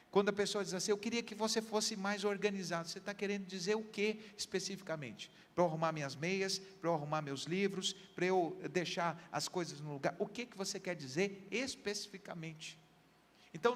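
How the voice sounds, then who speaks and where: Brazilian pastor guy giving earnest couples advice, kinda high voice, reverby hall. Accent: Brazilian Portuguese. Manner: earnest teaching with everyday examples. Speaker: pastor, guest. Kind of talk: counseling talk on a church program.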